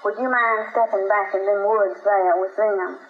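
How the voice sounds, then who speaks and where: A woman reading as a calm convict. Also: mid-range voice, lightly acted. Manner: slow, measured, considered. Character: calm, soft-spoken male escaped convict. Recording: dull, roomy recording.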